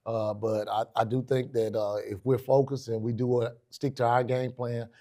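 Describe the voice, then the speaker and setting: Halting American male basketball coach, mid-pitched. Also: level tone, mellow. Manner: halting, repeats phrases as he thinks. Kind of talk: casual sports interview.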